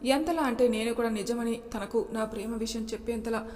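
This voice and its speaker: Hurt young wife, quiet and withdrawn, level high voice, done by a woman narrator. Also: steady tone, a little fast, big-room sound, natural voice.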